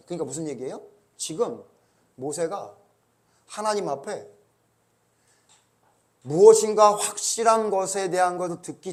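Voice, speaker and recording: A male pastor giving a conversational church sermon, often asking the congregation rhetorical questions. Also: a little high. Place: church service.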